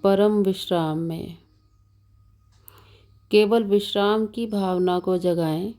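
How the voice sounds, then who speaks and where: Over music, a yoga nidra meditation instructor guides a slow relaxation practice in a mellow, even, mid-range voice. She's calm, unhurried and soothing, leaving long pauses between short instructions, her intonation very flat and steady.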